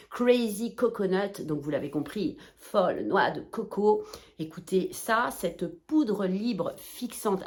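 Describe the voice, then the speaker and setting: Bubbly, rambling woman vlogger. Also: medium pitch. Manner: bubbly, rambling, excitable with playful exclamations; talks straight to viewers, chatty and informal. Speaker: shopping haul vlogger. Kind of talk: casual haul video chat.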